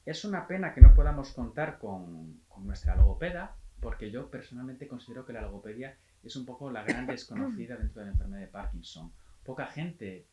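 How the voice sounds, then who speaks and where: A man working as a physiotherapist, giving a calm, explanatory health talk and restarting phrases now and then. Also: medium pitch, reverberant, poor audio.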